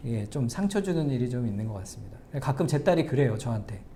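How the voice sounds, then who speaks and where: A middle-aged man, the pastor, preaching a sermon and speaking straight to the congregation, moving between loud emphatic lines and soft asides. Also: mid-range voice, sing-song, fast, slight background noise.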